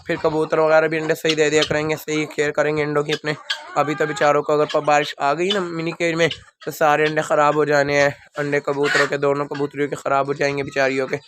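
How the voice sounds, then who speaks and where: A young man with a Pakistani Urdu accent, his voice on the high side, rambles plainly to viewers while feeding his birds for a vlog, feeling feverish and unwell. He's at an outdoor rooftop bird enclosure, with chickens and birds clucking amid the noisy background.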